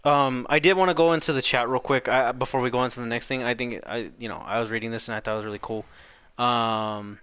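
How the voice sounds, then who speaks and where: A man's voice: medium pitch, fairly even intonation, quick pace, fairly bright tone, smooth, no room sound. A young man hosting a casual gaming chat, laid-back, often laughing as he reads the chat. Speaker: podcast host reading chat.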